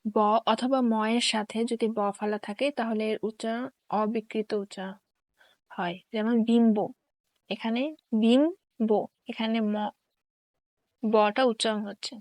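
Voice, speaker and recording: A woman teacher slowly reading grammar rules and examples in a careful, dictation-like way. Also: fairly high pitch, little pitch movement, no room sound.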